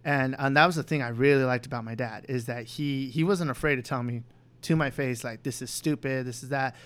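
A man's voice: mid-range voice, fairly quick, a bit bright. A young man talking candidly on a podcast, rambling with lots of "you know" and restarts. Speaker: podcast co-host. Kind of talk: candid personal chat.

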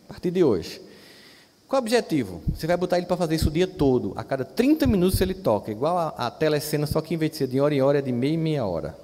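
A middle-aged Brazilian man giving a spiritual self-help talk to a live audience, jokey and animated as he throws questions at the crowd. His voice sits a little high yet sounds warm and mellow. The live recording carries the long reverb of a large hall. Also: fast. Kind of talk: lively public lecture.

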